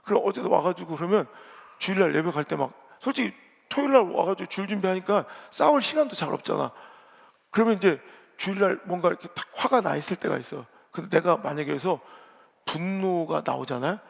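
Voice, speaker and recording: A man's voice: high voice, animated, fast, creaky, breathy edge. A male senior pastor preaching a revival sermon in a blunt, joking, colloquial way. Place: large church sanctuary. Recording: long reverb of a big church hall.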